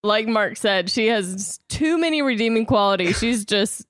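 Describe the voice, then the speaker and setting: A woman's voice: medium pitch, expressive, moderate pace, dry recording, studio quality. A woman co-hosting a podcast, chatty and often laughing. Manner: giggly and chatty. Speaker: podcast co-host. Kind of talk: casual chat.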